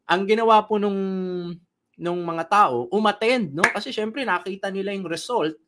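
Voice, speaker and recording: A man's voice: high voice, fairly bright tone. A man leading an online training session, telling a story, asking the audience questions and laughing at his own tale.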